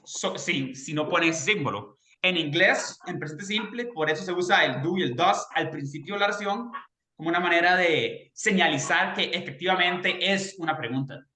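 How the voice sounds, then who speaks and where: A man's voice: on the high side, sharp tone, echoey room. A man teaching a beginner English class, patiently explaining grammar and often checking in with his students.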